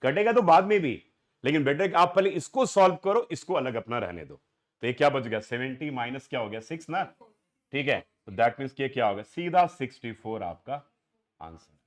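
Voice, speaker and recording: A man's voice: medium pitch, animated, moderate pace. A middle-aged man from India teaching math to a live class, keeps quizzing students as he works through each step. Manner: questioning students, mixing Hindi and English. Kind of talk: classroom lecture.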